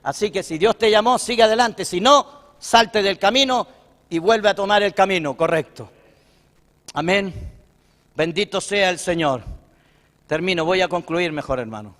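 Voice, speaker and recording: A middle-aged Chilean man preaching a sermon to fellow pastors, folksy and impassioned, building to loud declarations and often calling his listeners brother. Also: sits high, normal speed, long pauses, in a large hall. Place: church hall at a pastors' breakfast.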